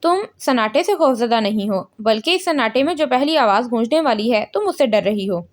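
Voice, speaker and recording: Woman reading a calm gentle young man. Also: a little high, close to an everyday voice. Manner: calm, soothing.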